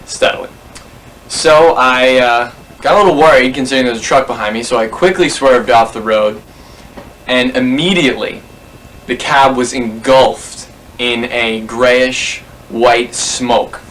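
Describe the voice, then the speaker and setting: A man's voice: mid-range voice, measured pace, a bit bright, a little hiss or hum, poor audio. A man telling a personal anecdote to a documentary camera, rambling and correcting himself as he goes. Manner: rambling, self-correcting storyteller. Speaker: interviewee.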